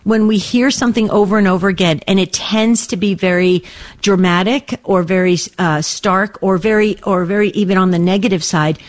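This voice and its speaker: A woman's voice: medium pitch, fairly even intonation, moderate pace. A woman hosting a call-in radio show, chatty and encouraging with guests and callers. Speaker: radio host.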